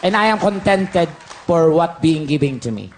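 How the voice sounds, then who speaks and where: A man's voice: a little high, animated, a little slow. Man, comic pageant parody, proud broken-English answers, crowd audible. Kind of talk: comic skit acting.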